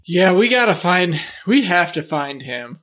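A man hosts a skateboarding show in relaxed, profane conversation. His voice is notably high for a man. He laughs easily and talks loosely. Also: measured pace. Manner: laid-back, swearing, laughing. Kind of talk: casual chat.

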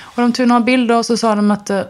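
A woman actress speaking candidly as an interview guest, in a relaxed way with many fillers. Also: a little high. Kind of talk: casual storytelling conversation.

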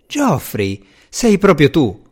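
A man's voice: medium pitch, very animated, moderate pace, natural voice. A man voicing a gracious, affectionate middle-aged duchess in an audiobook reading.

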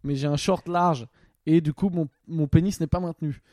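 A man's voice: on the high side, fairly even intonation, moderate pace, a little mellow, no room sound, clean studio sound. A young man co-hosting a podcast from home, rambling in casual chat with crude jokes and lots of fillers. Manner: rambling, crude joking, many fillers and restarts. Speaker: podcast co-host. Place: home during lockdown. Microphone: studio microphone.

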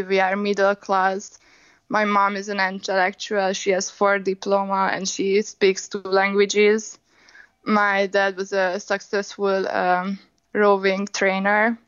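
A woman's voice: mid-range voice, a bit bright, smooth, no room sound. A woman in her twenties with a Hungarian accent, answering interview questions over a phone line in a matter-of-fact way. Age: 20s. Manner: unhurried, matter-of-fact, simple non-native phrasing. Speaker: guest.

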